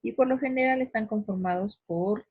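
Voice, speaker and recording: A woman explains a grammar lesson in a patient, deliberate way, drawing out syllables to show where the stress falls. Her voice is husky and sits in a middle range. The sound is dry and narrow, like a phone line. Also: mid-range voice, no room sound. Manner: patient, slows down to stress syllables, addresses listener directly. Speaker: teacher.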